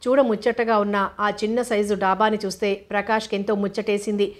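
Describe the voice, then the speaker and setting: A woman narrating an audiobook novel in a steady, unhurried reading. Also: medium pitch.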